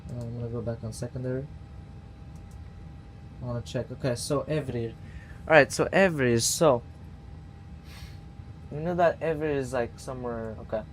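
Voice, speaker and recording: A man's voice: medium pitch, moderate pace, pauses often, slight background noise. A man streaming a flight simulator, casually thinking aloud and muttering to himself as he works through procedures.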